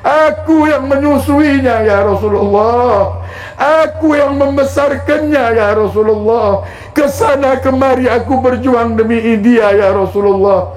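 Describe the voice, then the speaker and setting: A man's voice: extremely high pitch, expressive, voice pushed up, exaggerated voice, poor audio. A preacher voicing a wailing, bitter old mother. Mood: tearful pleading. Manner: pleading, wailing, drawn-out cries. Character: grieving elderly mother, bitter and unforgiving.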